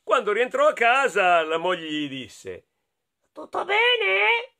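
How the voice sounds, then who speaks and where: A man from Italy reading a picture book aloud to children, playful and animated, inviting them to join in. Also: sits high, unhurried. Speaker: children's storyteller.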